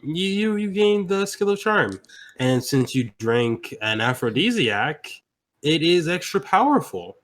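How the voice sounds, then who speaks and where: A man's voice: a little high, sing-song, unhurried, fairly bright tone. A man narrating as game master of a tabletop game, casual and swearing freely. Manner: casual, swearing, laughing, with fillers.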